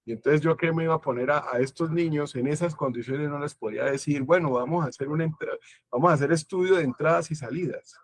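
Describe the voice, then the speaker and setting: A man's voice: fairly high pitch, quick pace, no room sound. Thoughtful Colombian man lecturing. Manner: thoughtful, searching for words. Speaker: guest lecturer. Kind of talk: conference talk.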